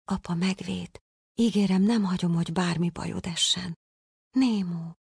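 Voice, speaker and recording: A woman's voice: a bass voice, fairly even intonation, warm tone, dry recording, clean studio sound, voice pushed down. A woman voicing an anxious, overprotective father clownfish in a storybook reading, pleading and fretful. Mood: tender hush.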